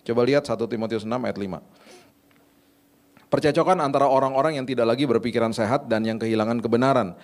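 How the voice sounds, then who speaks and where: A man's voice: mid-range voice, a little mellow. A middle-aged man, preaching a sermon in a casual, conversational way and acting out stories. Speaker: pastor.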